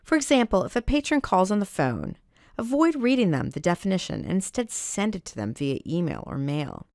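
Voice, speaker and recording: A woman giving a scripted training narration for librarians, reading do's and don'ts in a measured, instructional way. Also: medium pitch, big pitch swings, a little mellow, dry recording, clean studio sound.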